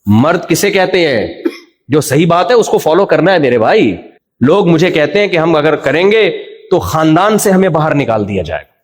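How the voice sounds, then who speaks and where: A man delivers a religious lecture with a somewhat high voice. His manner is jovial and teasing, slipping into mock voices for his examples. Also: very animated. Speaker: Islamic preacher. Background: audience laughter.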